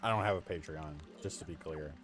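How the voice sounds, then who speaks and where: A man's voice: a bass voice, a little fast. A man streaming a video game live, joking with chat in a casual, self-mocking way while he plays. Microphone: home streaming mic.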